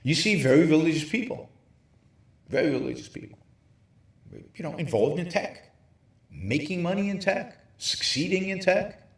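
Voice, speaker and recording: A man hosting a livestream, lecturing emphatically from a hotel room with very high ceilings, his voice carrying a hollow cave-like echo. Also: animated, moderate pace. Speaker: show host. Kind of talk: livestream talk on philosophy.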